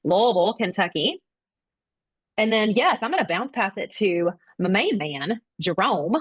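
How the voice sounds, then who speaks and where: A woman's voice: mid-range voice, big pitch swings, a little slow, slightly rough, dry recording. A woman hosting a podcast in casual chat, effusive, enthusiastic and affectionate toward her guests. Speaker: podcast host.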